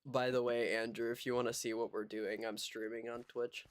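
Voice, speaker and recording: A man's voice: mid-range voice, level tone, moderate pace, no room sound. A man streaming a game and chatting with friends over voice chat, matter-of-fact with dry quips. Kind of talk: casual gaming chat. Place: online voice chat.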